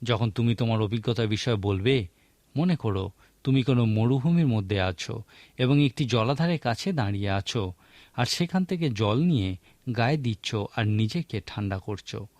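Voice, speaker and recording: A man's voice: mid-range voice, lively intonation, normal speed, darkish tone, dry recording. A man preaching a sermon in an earnest teaching manner, asking rhetorical questions.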